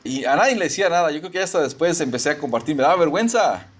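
A man's voice: on the high side, animated, rapid-fire. A middle-aged man, a pastor preaching a conversational sermon and often restarting his sentences.

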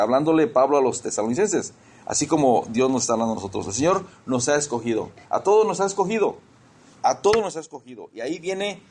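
A man's voice: medium pitch, a little mellow, slightly rough. A man preaching a conversational sermon in church, often repeating words as he searches for the next one.

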